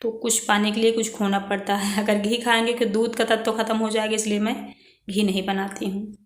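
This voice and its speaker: A woman's voice: a little high, flat delivery, a little fast, echoey room. A woman in her thirties with an Indian Hindi accent, chatting casually to viewers while doing housework at home. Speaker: vlogger. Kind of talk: casual vlog chat with viewers. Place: home kitchen.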